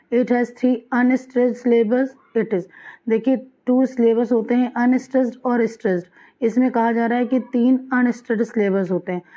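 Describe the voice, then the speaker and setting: A woman teacher giving an exam-prep lecture, reading questions out slowly and then explaining in a quick Hindi-English mix, repeating key answers. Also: a little high, dark tone. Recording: dull lo-fi sound.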